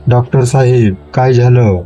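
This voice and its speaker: A man's voice: mid-range voice, steady tone, measured pace, dark tone, slight background noise, natural voice. A man voicing a desperate village father who pleads tearfully for his son's life in a spoken horror story. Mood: urgent. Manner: pleading, tearful, rural speech.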